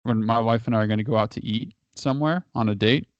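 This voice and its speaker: A man's voice: mid-range voice, fast talker, no room sound. Married man explaining with restarts. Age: adult, married. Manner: explains at length with many restarts and repeated words. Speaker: guest. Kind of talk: casual conversational advice. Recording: dry, dull lo-fi audio.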